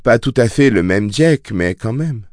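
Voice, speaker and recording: A man voicing a grieving young woman who speaks softly and turns bitter, in an audiobook reading. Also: animated, unhurried, no echo, clean studio sound, close to an everyday voice. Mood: coaxing tender. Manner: soft-spoken, raised pitch.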